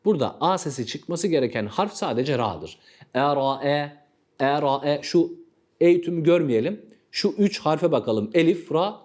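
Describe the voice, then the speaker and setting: A man's voice: medium pitch, darkish tone. Patient Turkish man teaching recitation. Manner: patient, repeats phrases slowly with demonstrations. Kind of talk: tajweed lesson.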